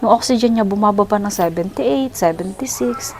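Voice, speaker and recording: A woman's voice: mid-range voice, normal speed, darkish tone, slight background noise. Chatty middle-aged Filipino woman vlogging. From Philippines. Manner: chatty, sympathetic, mixes English words into Tagalog. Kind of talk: casual storytelling vlog. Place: hospital room.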